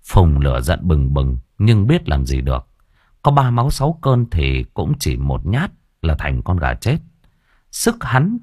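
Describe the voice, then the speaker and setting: A man narrating an audiobook in an earthy, colloquial and expressive storytelling style. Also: low voice, no echo, clean studio sound.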